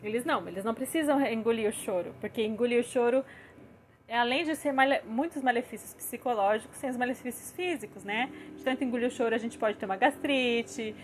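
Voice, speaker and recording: A young adult woman with a Brazilian Portuguese accent, gently explaining parenting ideas in a casual live talk, often checking in with "né?". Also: fairly high pitch, fast. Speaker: parenting educator.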